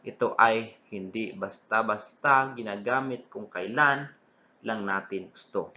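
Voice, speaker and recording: A young man, a student teacher, giving a recorded classroom lesson, deliberate and repetitive, sometimes correcting himself mid-word. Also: mid-range voice, bright, forceful tone. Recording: dull lo-fi recording.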